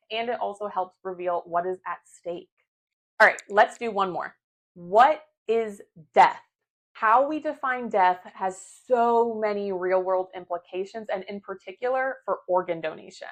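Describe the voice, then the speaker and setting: Young female philosophy professor, clear explainer, mid-range voice, rhetorical questions. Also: mid-range voice. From United States. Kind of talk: scripted lecture to camera.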